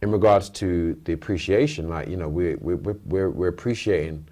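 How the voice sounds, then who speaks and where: UK rapper guest, deep voice, rambling and reflective, relaxed studio chat. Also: male voice, normal speed. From United Kingdom. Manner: thoughtful, rambling with restarts. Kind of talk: casual interview chat. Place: radio studio.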